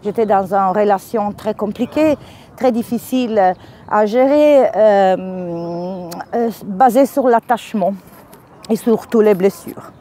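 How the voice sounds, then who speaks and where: Taking it slowly in a warm, medium-pitched voice, this spiritual vlogger and energy healer talks informally in French, a language that isn't her native one. Her foreign accent shows as she hunts for words in her monologue, over a little hiss or hum.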